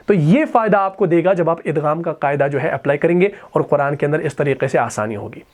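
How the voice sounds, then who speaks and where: High-voiced male Arabic grammar teacher. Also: a little mellow. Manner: recites word forms slowly, then explains in plain terms. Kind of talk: explaining verb conjugation.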